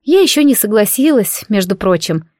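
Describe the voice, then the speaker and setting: A woman's voice: mid-range voice, very animated, moderate pace, dark tone, dry recording, clean studio sound, natural voice. A woman voicing a dreamy young light witch in an audiobook, gushing and chattery.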